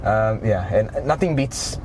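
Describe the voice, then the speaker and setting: A man's voice: lowish voice, lively intonation, a little slow, background noise. A man with a Malaysian accent giving his opinions in casual, informal chat as a car reviewer.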